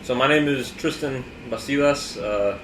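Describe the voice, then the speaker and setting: A man's voice: medium pitch, moderate pace. A young man from Ecuador, a musician, answering interview questions in a hesitant way with lots of "you know". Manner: soft-spoken, hesitant, many "you know" fillers. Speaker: musician guest. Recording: echoey room, background hum.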